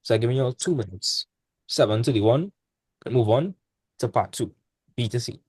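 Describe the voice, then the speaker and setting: Young man, maths tutor, relaxed online class, dry close sound. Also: medium pitch, a little fast, breathy edge, dry recording. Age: young adult. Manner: casual, laid-back teaching with dialect speech. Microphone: video call.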